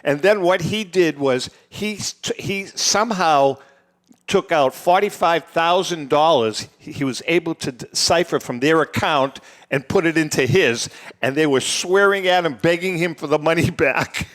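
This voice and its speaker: A man's voice: fairly high pitch, moderate pace, a bit bright. A man co-hosting a casual podcast chat, telling stories with lots of fillers and restarts. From United States. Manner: storytelling, chatty with frequent fillers and restarts. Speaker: podcast co-host.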